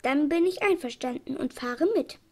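A woman reading a shy two-headed creature in a children's storybook, talking calmly and earnestly. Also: high-pitched, normal speed, natural voice.

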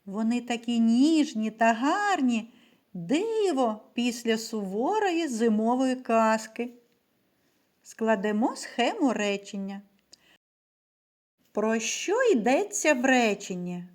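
A woman teaching a literacy lesson to small children in a high, bright-pitched voice that rises and falls a lot. She speaks slowly and draws out each word syllable by syllable so the children can say it with her. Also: big pitch swings. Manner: slow, carefully stressed words for children to repeat. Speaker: primary school teacher.

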